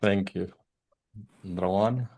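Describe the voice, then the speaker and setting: A man from Palestine hosting an online Q&A call, speaking softly with frequent pauses and fillers. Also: low-pitched, fairly even intonation. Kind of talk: casual welcome on a video call. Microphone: video call.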